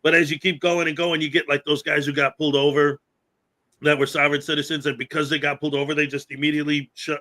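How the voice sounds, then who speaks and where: A man's voice: a little high, flat delivery, fast talker, pushed and bright. A man hosting a podcast in casual chat, rambling with lots of fillers and frequent laughter. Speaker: podcast host.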